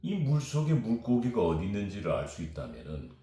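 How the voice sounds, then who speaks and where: A man in his fifties from South Korea, telling childhood stories in a rambling, animated way as a guest. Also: lowish voice, fairly quick. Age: 50s. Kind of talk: storytelling chat. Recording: very echoey room with music behind.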